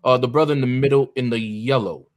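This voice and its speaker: A man's voice: mid-range voice, steady tone, fast, a crowd in the background. An American man, a deacon, preaching earnestly and directly to guests at a meeting, with many ums and uhs. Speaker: deacon leading a Bible study.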